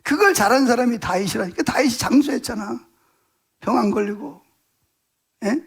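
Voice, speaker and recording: This pastor's voice is extremely high, gravelly and husky, moving at a moderate pace. Preaching on a Sunday morning, he speaks colloquially and with force, peppering his congregation with rhetorical questions and doubling up words to stress them.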